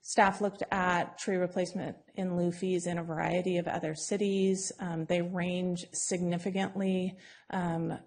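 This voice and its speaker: Woman staff presenter, low monotone voice, measured and hesitant with fillers. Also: vocal fry. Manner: measured, frequent ums, explanatory.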